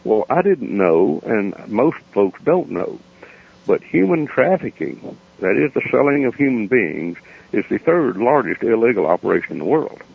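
A folksy man with an Appalachian accent talks as a guest in a radio interview. His voice is on the low side, with a gravelly edge and a husky grain. He tells things plainly and without hurry, over slightly dull, lo-fi sound. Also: big pitch swings. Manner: folksy, plain-spoken, unhurried. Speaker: interview guest, founder of a foundation. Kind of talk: unscripted storytelling in a radio interview.

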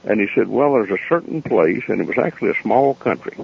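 A folksy man with an Appalachian accent talks as a guest in a radio interview. His voice is on the low side, with a gravelly edge and a husky grain. He tells things plainly and without hurry, over slightly dull, lo-fi sound. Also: lively intonation. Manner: folksy, plain-spoken, unhurried. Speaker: interview guest, founder of a foundation. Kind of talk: unscripted storytelling in a radio interview.

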